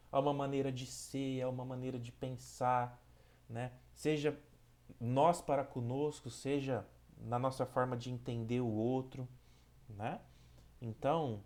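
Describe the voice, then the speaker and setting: A man with a Brazilian Portuguese accent leads a spiritist study group at a measured, mid-pitched level. His delivery is calm and reflective, moving from a read passage into thoughtful teaching, and he often pauses to check in with his listeners. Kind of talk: reading a passage, then reflective teaching talk.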